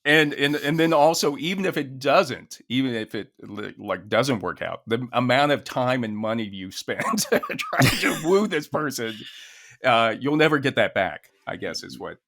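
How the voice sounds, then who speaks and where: Jovial male podcast co-host, lively intonation. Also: mid-range voice, a little slow. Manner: jovial, chuckles through his talk. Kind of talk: casual chat, relaying and quoting research.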